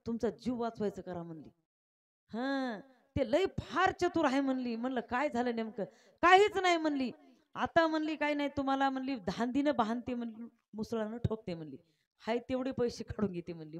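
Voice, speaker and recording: A woman kirtan preacher, telling a devotional story and acting out village characters in lively dialogue. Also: on the high side.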